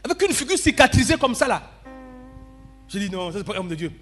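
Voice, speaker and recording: A man preaching a storytelling sermon in church, acting out dialogue and swinging between shouting and low murmurs. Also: big pitch swings, fast talker, faint music behind. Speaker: pastor.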